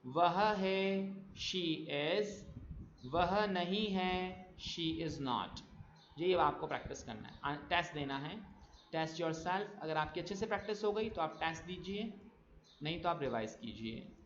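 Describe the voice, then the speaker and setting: A man teaching spoken English, reading example sentences slowly and clearly with quick explanations in between. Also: a little high, expressive, a bit bright, a little hiss or hum. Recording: echoey, dull lo-fi room sound.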